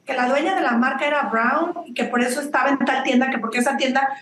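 A Mexican woman in her forties, a business founder being interviewed, telling her story in a chatty, animated way with tag questions and bits of English mixed in. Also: sits high, quick pace. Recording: roomy room with faint background noise.

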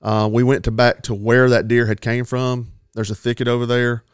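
A man's voice: medium pitch, little pitch movement, normal speed, clean tone, dry recording, studio quality. Folksy man telling a hunting story. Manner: rambling, folksy, laughs at his own story. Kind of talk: casual storytelling.

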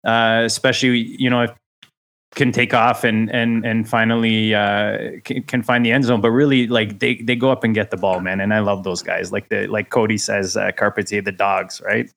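A man appearing as a guest on a casual sports podcast, talking in a halting way, often repeating words and joking about himself. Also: on the low side, little pitch movement, gravelly, fairly bright tone.

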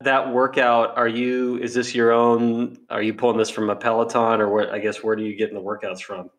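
Male podcast host, mid-range pitch, friendly interviewer. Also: little pitch movement, moderate pace. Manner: friendly, steers with questions.

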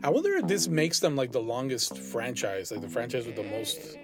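A man's voice: medium pitch, very animated, a little fast. A man in casual chat as a podcast co-host, joking and sarcastic as he comments. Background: guitar music.

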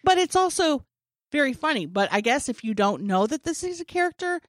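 A woman co-hosting a podcast, chatting candidly and animatedly in a fairly high voice. She speaks close to the mic in a dry, dead room. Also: sing-song, quick pace, no room sound. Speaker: podcast co-host. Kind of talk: casual chat.

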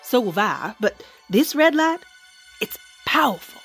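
A woman's voice: fairly high pitch, big pitch swings, unhurried, a bit bright, slightly rough, faint music behind, exaggerated voice. A woman playing a friendly, talkative ball ornament in a children's audio drama, telling tales matter-of-factly. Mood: eager storytelling. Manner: chatty, matter-of-fact storytelling. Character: chatty, friendly female Christmas ball ornament, newcomer.

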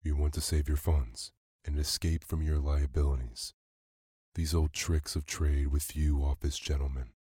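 A man voicing a polished, scheming gentleman villain who speaks in a measured, composed way. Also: a bass voice, flat delivery, slightly rough, no room sound, clean studio sound, full character voice. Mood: threatening.

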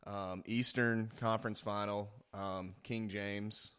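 Young male co-host, lowish voice, loose rambling delivery, laughs a lot. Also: steady tone, slow pace, fairly bright tone, clear, resonant tone. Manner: laughs often, rambling with filler words. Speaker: podcast co-host. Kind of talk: casual chat.

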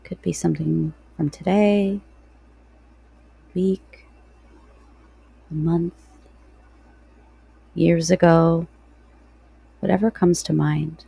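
A woman podcast host leading a guided breathing meditation in a soft, slow, soothing delivery with long pauses. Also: on the low side, steady tone, vocal fry, breathy edge, no echo, rough recording.

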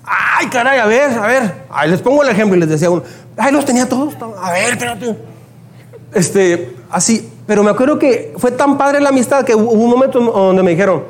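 A man's voice: very high-pitched, brisk. A man with a northern Mexican accent from Chihuahua, preaching a sermon and telling personal stories, acting out the lines of the people in them. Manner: animated, acts out quoted dialogue. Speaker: pastor.

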